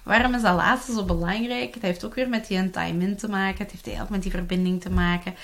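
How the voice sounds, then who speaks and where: A woman with a Flemish accent talks parents through her advice in a lively, conversational way. Her pitch sits in an ordinary middle range, and she keeps checking in with her listeners. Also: fast talker. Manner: lively, conversational, frequent "hè" tags. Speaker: parenting coach. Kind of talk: explanatory talk to parents.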